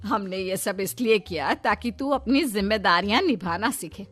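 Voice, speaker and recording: A woman's voice: mid-range voice, lively intonation, normal speed, a bit bright, soft background music. A woman voicing a stern middle-aged mother who lectures her daughter firmly in a cartoon story. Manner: firm, lecturing.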